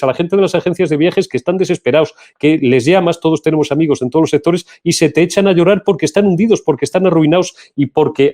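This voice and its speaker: A man with a Castilian Spanish accent hosting a political commentary show, talking emphatically and with indignation. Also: a little mellow. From Spain. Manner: emphatic, indignant, pitch rising when heated. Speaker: host.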